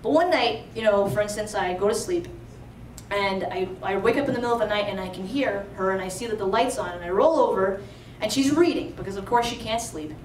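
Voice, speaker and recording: In a medium-pitched, fairly quick voice, a young Alexandria, Virginia woman shares a true story at a live storytelling event, chatty and laced with "like" and "you know." The roomy venue is captured through a distant mic, leaving her off-mic, with a little hiss or hum.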